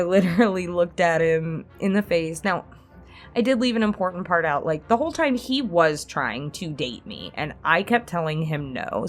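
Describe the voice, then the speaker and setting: In her late twenties, an ASMR channel host answers subscriber questions in a candid, casual way, rambling through personal stories with small chuckles. Her voice sits fairly low, and instrumental music plays behind it.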